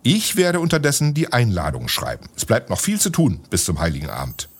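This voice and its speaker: A man's voice: mid-range voice, huge pitch swings, fairly quick, background noise. A man voicing a kindly, solemn old male wizard in a storybook, speaking in a raised, earnest way.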